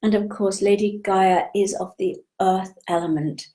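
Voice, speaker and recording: Slow, gentle older woman. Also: medium pitch, fairly even intonation. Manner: slow, gentle, unhurried, with frequent pauses. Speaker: spiritual teacher hosting a live session. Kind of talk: live-stream talk, greeting viewers.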